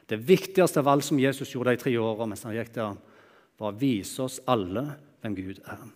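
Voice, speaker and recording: A man preaching a sermon, moving between raised, emphatic lines and quiet, hushed ones. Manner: expressive, swings from loud exclamations to hushed low tones. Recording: long hall reverb.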